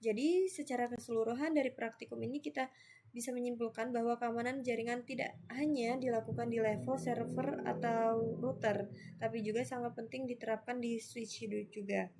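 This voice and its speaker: A woman's voice: on the high side, fairly even intonation, moderate pace, dark tone. A young woman with an Indonesian accent, a student narrating her screen-recorded network lab, spelling out commands letter by letter as she types. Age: young adult. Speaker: student presenting a lab exercise. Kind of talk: screen-recorded tutorial walkthrough. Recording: faint background noise.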